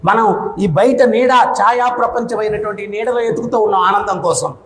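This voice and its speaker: A man giving a devotional sermon to an audience, speaking loudly and often asking "hmm?" to check they follow. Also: sits high, normal speed. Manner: loud, with frequent questioning "hmm?" to the audience. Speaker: spiritual discourse speaker. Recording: echoey hall reverb.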